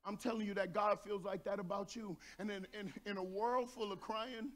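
High-voiced preacher, animated and joking. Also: male voice, moderate pace. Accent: Texan. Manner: animated preaching, shouting at peaks, joking with congregation. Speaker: pastor. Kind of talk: sermon. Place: church sanctuary.

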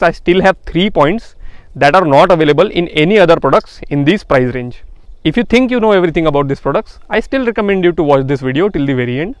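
A young man from India stands in an open farm field, earnestly demonstrating hand weeders to camera. His voice sits fairly high and the sound is dry and close, with no room around it. He recommends each tool plainly, dropping in "uh" fillers as he goes. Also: smooth, no echo. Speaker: farm tool seller and channel host. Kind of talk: product demonstration talk to camera.

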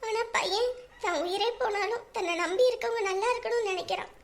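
A woman's voice: very high voice, a little fast. An actress playing a caring middle-aged mother who pleads fondly with her son. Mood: pleading. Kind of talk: family drama acting.

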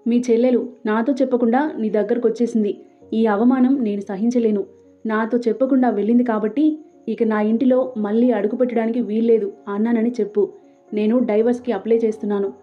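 A woman's voice: fairly high pitch, steady tone, brisk, soft background music, natural voice. Woman voicing a scornful proud husband. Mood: indignant. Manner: curt and scornful. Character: irritable proud middle-aged husband, a clerk. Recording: tinny phone-like sound.

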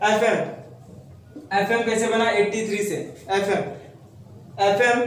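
A man teaching memory tricks and asking questions he then answers himself, in a steady explaining manner. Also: high voice, slight background noise. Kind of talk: mnemonic lesson for students. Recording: very echoey room, mic far off.

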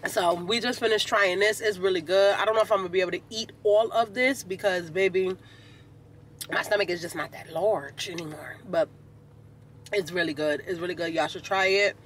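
Guy vlogging in the car, high voice, chatty n lively, car noise going. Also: brisk. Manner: animated, chatty, keeps addressing viewers. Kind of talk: casual chat to camera. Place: inside a car.

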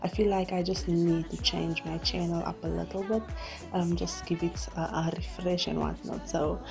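A woman in her thirties talking through her day as a vlogger in a relaxed, thoughtful way, with lots of fillers. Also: fairly low pitch, moderate pace, creaky, over music. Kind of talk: casual voice-over narration.

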